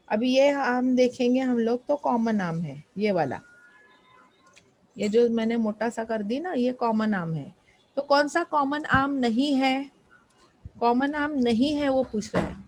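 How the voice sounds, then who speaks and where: Woman teacher, patient, keeps repeating questions to the class, fairly high voice, dry sound. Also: slow pace, no echo, rough recording. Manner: patient, repeats questions and prompts students to answer. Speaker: math teacher. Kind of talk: classroom lesson explanation.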